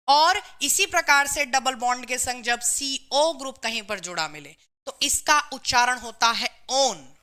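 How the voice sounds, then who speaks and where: Bright-voiced woman teaching chemistry live. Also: sits high. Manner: reads out and answers student comments; says "bhai" and "theek hai" to the class often. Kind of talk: live online class.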